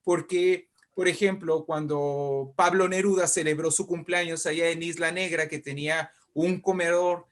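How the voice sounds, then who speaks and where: A guest writer and poet tells literary anecdotes in a conversational interview, effusive and emphatic, often repeating words. His fairly high voice holds a steady tone at a moderate pace with few pauses.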